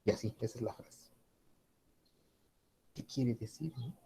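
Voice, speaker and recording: A man's voice: mid-range voice, measured pace, vocal fry, warm tone, slight background noise. A man teaching an informal philosophy class, chatty, tagging questions onto his sentences and acting out anecdotes. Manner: conversational, frequent tag questions and fillers, acts out anecdotes.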